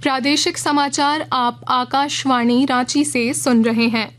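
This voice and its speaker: A woman reading a regional radio news bulletin in a measured, formal way from a studio. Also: sits high, steady tone, over loud music. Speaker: news reader.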